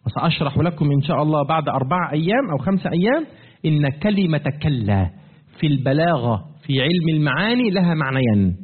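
A man teaching a religious lesson, asking his listeners questions and repeating them, his pitch swinging up and down as he slows to stress key words. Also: breathy edge. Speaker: teacher of Quran commentary. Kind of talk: classroom-style religious lesson. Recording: tinny phone-like lo-fi recording.

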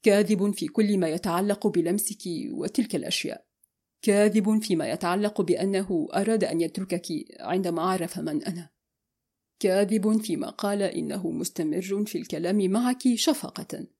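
A woman reading a calm, guarded young man's lines in an audiobook novel, in a low, even, controlled voice. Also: fairly quick, breathy edge, lightly acted. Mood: cool, measured. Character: calm, guarded young man, quietly bitter.

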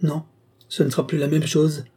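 A man's voice: medium pitch, lively intonation, normal speed, mellow, slightly rough. A man voicing a lovesick, earnest young boy in a storybook reading. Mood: pleading.

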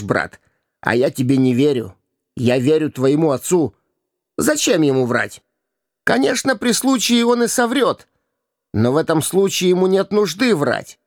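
A cunning vagabond boy who mocks and wheedles, as a male reader puts him on. The voice sits high above the reader's own and swoops about. It comes across close and dry, with a gravelly rasp. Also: no room sound. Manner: wheedling, jeering, pleading when begging. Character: sly mocking vagabond boy, cunning beggar.

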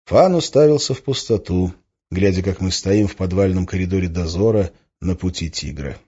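A man narrating an audiobook in the first person, with a steady, even reading. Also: low-pitched, normal speed, breathy edge, lo-fi sound.

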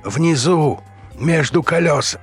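A man's voice: medium pitch, steady tone, takes it slowly, vocal fry, a bit bright, husky, soft background music, voice pushed up, exaggerated voice. A man voicing a wounded male colonel, gasping and wheezing between words in an audiobook. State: out of breath, wheezing. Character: wounded middle-aged colonel, gasping and strained.

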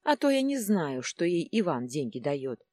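A woman's voice: deep voice, sing-song, moderate pace, a little mellow, dry recording, studio quality. A woman reading the part of a resentful, quarrelsome middle-aged mother in a storybook. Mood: bitter. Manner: resentful, scolding.

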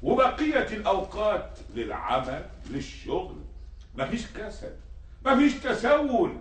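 An actor with an Egyptian accent playing a sheikh preaching to children in a radio drama, in a didactic, storytelling way. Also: male voice, sits high, huge pitch swings, measured pace, roomy sound, distant mic, heavily acted. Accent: Egyptian Arabic.

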